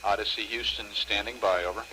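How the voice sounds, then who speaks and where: A man's voice comes over a radio link, thick with hiss and static. His pitch sits on the low side, and he keeps his calls short and matter-of-fact, in plain radio procedure. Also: steady tone, a little fast. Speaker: mission radio communicator. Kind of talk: radio call-and-response. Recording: noisy radio transmission with static.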